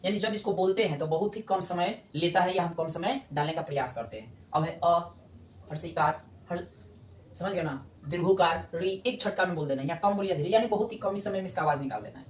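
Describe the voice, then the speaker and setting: A woman's voice: on the low side, quick pace, a little mellow. Echoey grammar teacher, woman. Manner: repetitive, checks understanding often. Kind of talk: explanatory classroom lesson. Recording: echoey room with faint noise.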